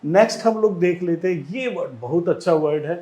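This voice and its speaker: A man with an Indian accent teaching an exam-prep English lesson, explaining slowly and repeating each word for drill. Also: sits high, warm tone.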